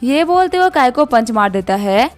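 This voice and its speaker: A woman retelling a manga story in brisk, colloquial recap narration. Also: high-pitched, very animated. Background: faint background music.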